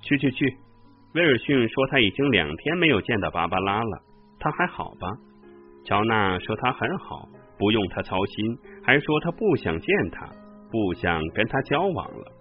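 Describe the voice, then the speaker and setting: A man tells a story in a low voice with a lot of rise and fall. The sound is thin and phone-like, as from an old radio broadcast. Faint music plays under him. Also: sing-song, moderate pace. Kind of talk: storytelling narration. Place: radio studio.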